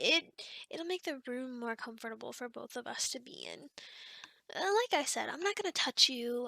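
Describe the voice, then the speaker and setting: A woman acts the part of an awkward young female sleep demon, using a high, bright voice with vocal fry in a very dry, close recording with no room sound. Heavily acted as an ASMR roleplay, she rambles apologetically in a hesitant, chatty way, slipping toward whispers.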